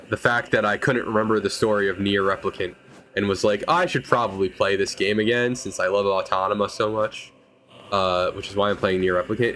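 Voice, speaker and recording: A man's voice: fairly low pitch, a bit bright, a little hiss or hum. Rambling young male game streamer. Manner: rambling, chatty, self-correcting. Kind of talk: casual gaming stream chat. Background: faint game music.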